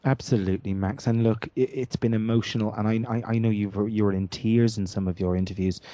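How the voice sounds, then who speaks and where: A man's voice: fairly low pitch, steady tone, fast talker, warm tone, no room sound. A man hosting a radio talk show, speaking hesitantly, with many fillers and restarts. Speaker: host. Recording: dull lo-fi audio.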